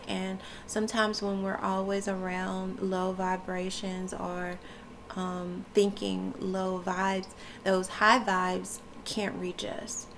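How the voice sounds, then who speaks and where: A wellness vlogger chats loosely to her camera mic, her nose stuffy and her voice froggy, scattering plenty of fillers. Her pitch is mid-range, with slight background noise.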